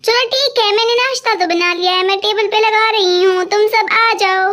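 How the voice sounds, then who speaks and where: A busy mother doll bustling about breakfast in a doll story, voiced by a woman. The voice is very high and bright, brisk and reassuring.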